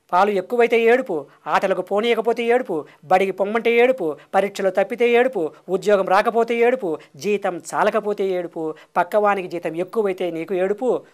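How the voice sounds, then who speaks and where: Woman, spiritual teacher, rhythmic repeated phrases, devotional sermon. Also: mid-range voice. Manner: drawn-out exclamations of aha. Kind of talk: devotional discourse answering questions.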